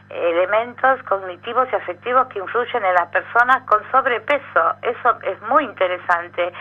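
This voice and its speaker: An Argentine woman hosts a radio interview in a chatty, encouraging way. Her voice is mid-pitched, and the sound is slightly dull and muffled. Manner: chatty, encouraging back-channel. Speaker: radio host.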